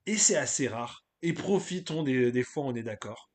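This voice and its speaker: A man's voice: medium pitch, expressive, normal speed. A man hosting a live stream, chatting casually and loosely, giving his opinions and greeting viewers from the chat, with frequent hesitations.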